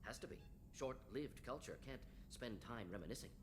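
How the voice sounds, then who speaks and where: A man's voice: mid-range voice, normal speed, lightly acted. A man playing a clinical, restless alien scientist in a video game, speaking in clipped telegraphic phrases. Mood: brisk, matter-of-fact. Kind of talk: video game character acting. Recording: game ambience noise behind voice.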